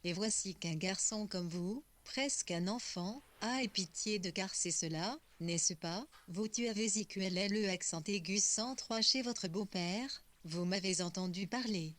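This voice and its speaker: A woman's voice: mid-range voice, measured pace, hardly any pauses, fairly bright tone, close to an everyday voice. A woman voicing a vain older male politician in an audiobook reading, speaking in a coaxing, caressing way. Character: aging male politician, vain and smooth-talking.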